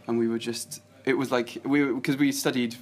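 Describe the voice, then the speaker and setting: A young English filmmaker, appearing as a guest, chats casually in a medium-pitched, flat voice at a fairly quick pace. He rambles and hesitates a lot, laughing easily.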